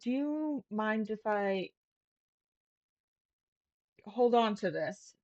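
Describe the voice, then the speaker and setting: A woman voicing a weary old woman with faint magical powers, speaking slowly and haltingly. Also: mid-range voice, lively intonation, a little mellow, dry recording, lo-fi sound, voice pushed up. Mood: weary, smug.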